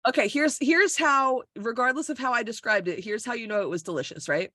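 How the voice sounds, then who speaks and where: Brisk and forceful, with a bright, fairly high voice, a podcast co-host from Florida talks casually and bluntly over a video call. She swears freely and laughs often, and the audio is echo-free and studio quality.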